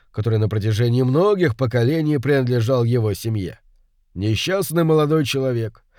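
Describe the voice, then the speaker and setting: A man voicing a shrewd older male detective who speaks calmly and with quiet irony in an audiobook. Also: mid-range voice, dry recording, clean studio sound, lightly acted. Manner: calm, measured, quietly ironic. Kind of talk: audiobook reading.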